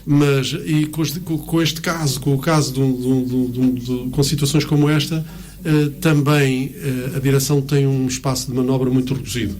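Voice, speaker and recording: A man's voice: medium pitch, steady tone, a little fast, a little mellow. A middle-aged man with a European Portuguese accent, a teacher explaining conversationally, searching for words and repeating them for emphasis. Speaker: teacher, guest in discussion. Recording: clear background room noise.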